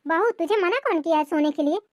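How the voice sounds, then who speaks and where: Cartoon mother-in-law, middle-aged and harsh, keeps scolding; a woman voices her high and dry. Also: quick pace, a little mellow, no room sound. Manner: scolding, accusing. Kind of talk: cartoon family drama voicing.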